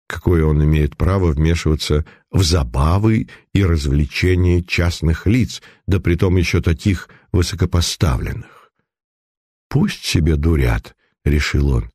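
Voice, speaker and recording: A man reading a novel aloud as an audiobook narrator, in a measured storytelling manner. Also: deep voice, a little mellow, no room sound. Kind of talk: scripted narration.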